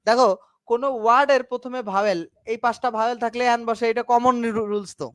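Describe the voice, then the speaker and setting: Speaking in a very high, steady, clean voice, a male English teacher with a Bangladeshi Bengali accent gives an online lecture on a dry, clean studio recording. He goes slowly, mixes in English grammar terminology, and regularly asks his students if they're keeping up.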